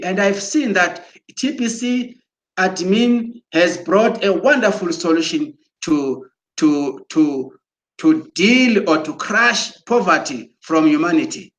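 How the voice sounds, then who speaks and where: A man giving an excited promotional talk, exhorting listeners and often restarting his words as he goes. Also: high-pitched. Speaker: broadcaster.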